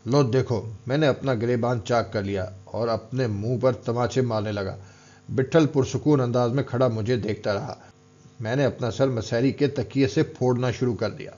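A man narrates an audiobook in a steady, even way, his voice at a middling pitch. The recording is somewhat dull and lo-fi. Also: moderate pace. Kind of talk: scripted narration.

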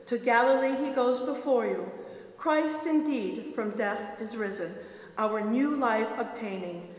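An older woman, a lector, reading liturgy solemnly in measured, declamatory phrases in a large echoing church. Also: on the high side. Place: large brick church, indoors. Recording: echoey church with long reverb.

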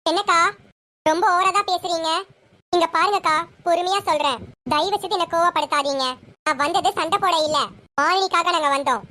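Defiant young sister-in-law played by a very high-voiced performer; measured, firm. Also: bright, forceful tone. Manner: firm, measured, pushes back. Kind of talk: serial parody skit.

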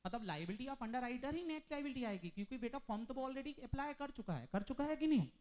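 A man's voice: very high voice, expressive, a little mellow. Male commerce tutor, classroom lecture, quizzes the students nonstop. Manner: drills students with rapid questions; mixes Hindi with English terms. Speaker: commerce teacher.

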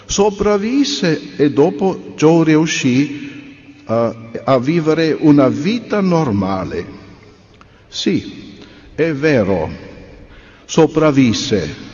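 A man delivering a sermon in an earnest, measured way, full of rhetorical questions to his listeners. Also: fairly high pitch, big pitch swings, a little mellow. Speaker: speaker at a religious convention. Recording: dull reverberant recording.

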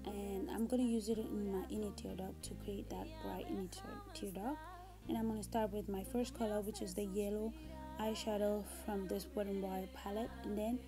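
A young woman chatting casually as a beauty vlogger giving a makeup tutorial, recorded on a phone in a room at home. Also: medium pitch. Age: young adult. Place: small room at home, indoors. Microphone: smartphone at about arm's length. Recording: music playing behind the voice. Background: background music.

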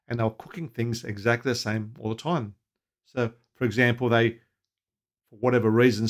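A man in his sixties talking to camera from a home office, giving practical, anecdotal advice on running a restaurant and putting questions to viewers. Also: mid-range voice. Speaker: restaurant consultant. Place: home office with bookshelves, indoors. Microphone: webcam at desk.

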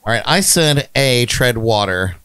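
A man's voice: medium pitch, expressive, slow pace, bright, forceful tone, clean tone, dry recording, soft background music. A man hosting a casual game night, joking around and reading comments from his viewers. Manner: joking, reads viewer chat aloud. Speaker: game host. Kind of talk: casual chat, running a game.

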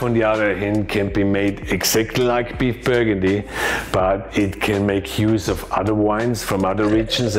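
Chef teaching a cooking lesson. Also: male voice, fairly low pitch. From Austria. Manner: chatty, emphatic, explanatory. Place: home kitchen, indoors.

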